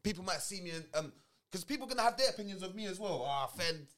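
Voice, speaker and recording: A man's voice: high-pitched, expressive, fast talker, fairly bright tone. A man with an urban London roadman accent, chatting casually in street slang, repeating phrases as he goes. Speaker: podcast guest and former co-host. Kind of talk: casual chat.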